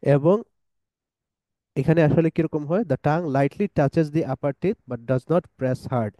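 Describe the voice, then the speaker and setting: A man teaching pronunciation, slipping English sentences in between. His voice is mellow and dark. The sound is dry and close, with no room behind it. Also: fairly high pitch, dry recording. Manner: repeats letter sounds slowly for drilling, mixing in English. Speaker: tajweed teacher. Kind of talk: recorded pronunciation lesson.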